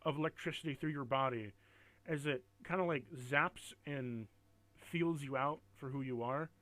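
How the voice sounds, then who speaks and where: A man's voice: mid-range voice, normal speed, fairly bright tone. A man running a tabletop fantasy game, improvising narration that shifts between dramatic description and casual rules talk. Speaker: game master.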